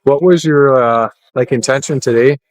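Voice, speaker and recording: Calm, hesitant police officer. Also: male voice, mid-range voice, moderate pace, low-quality recording. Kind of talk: on-duty exchange. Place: outdoors on a street.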